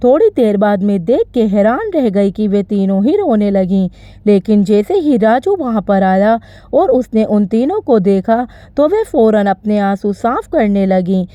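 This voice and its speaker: A woman narrating an emotional first-person story in an expressive storytelling manner. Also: medium pitch, unhurried, no room sound. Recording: slightly dull, dry recording.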